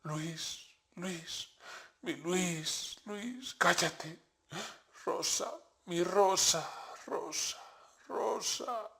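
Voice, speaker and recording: A man voicing a grieving mother who wails her dead daughter's and son's names in high, fading repeats. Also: drawn-out words, gravelly, a bit bright, full character voice.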